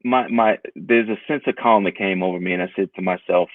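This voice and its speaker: Deep-voiced man, blunt and profane, phone-line sound. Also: fairly quick, no echo. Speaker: podcast co-host. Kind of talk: casual discussion podcast.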